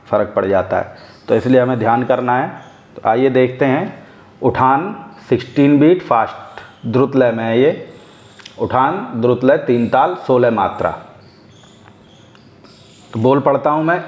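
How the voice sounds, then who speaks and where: A man giving a tabla lesson, explaining patiently and chanting drum syllables slowly and rhythmically. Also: mid-range voice, darkish tone. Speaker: tabla teacher. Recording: echoey room, dull lo-fi sound.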